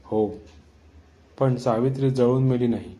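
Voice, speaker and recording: A grave old village schoolmaster speaks slowly and knowingly, as a male storyteller voices him. His voice is dark and mellow, in a spoken horror tale. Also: mid-range voice, lightly acted. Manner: grave and measured.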